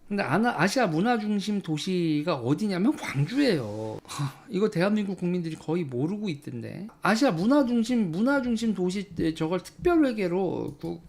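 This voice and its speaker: A man with a gravelly, creaky voice that sits a little high for a man. He talks to his viewers in blunt political commentary, swearing in sudden heated bursts. He mutters to himself while he searches on screen. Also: darkish tone. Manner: thinks aloud while looking things up on screen.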